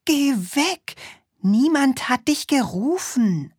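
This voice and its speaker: A woman voicing a forgetful, flustered female witch in a storybook, chanting spells in a slow sing-song. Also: high voice, lively intonation, darkish tone, no room sound, studio quality, pitched above the performer's own voice. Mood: scolding. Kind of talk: storybook reading.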